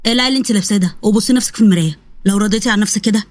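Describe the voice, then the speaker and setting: A woman voicing a harsh, mocking husband with an Egyptian accent, in a lowered voice. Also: very fast, no echo, lightly acted. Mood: scornful. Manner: scornful, dismissive.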